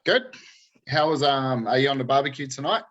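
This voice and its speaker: A man's voice: medium pitch, animated, a little fast, fairly bright tone, lo-fi sound. A man, coaching a group in casual, laid-back chat full of matey slang. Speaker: fitness coach hosting a group check-in.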